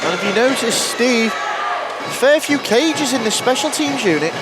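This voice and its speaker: A man's voice: very high-pitched, lively intonation, normal speed. A man giving live ice hockey play-by-play commentary, narrating the action in short clipped phrases. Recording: noisy arena with loud crowd behind. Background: loud crowd and rink noise.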